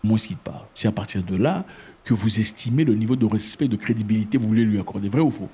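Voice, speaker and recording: A man giving his opinion to camera in a casual, emphatic way, with sudden jumps in pitch. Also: fast, slight background noise. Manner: animated and emphatic, with sudden high pitch jumps and mock voices. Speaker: commentator.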